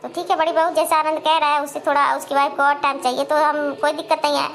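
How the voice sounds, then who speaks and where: A woman's voice: high-pitched, flat delivery, fast talker, a bit bright. A woman voicing a stern mother-in-law in a cartoon, speaking firmly and commandingly. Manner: firm, commanding. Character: stern, bossy mother-in-law, head of the house. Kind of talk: cartoon voice acting.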